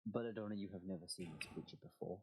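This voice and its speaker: A man narrating a tabletop fantasy game as game master, with deliberate delivery and dramatic pauses. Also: low-pitched, mellow, husky, poor audio.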